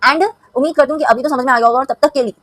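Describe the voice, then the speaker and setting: A woman's voice: high voice, steady tone, racing, a bit bright, dry recording, poor audio. An Indian woman teacher with a Hindi-speaking accent, explaining a lesson in a chatty way and often checking that her students follow.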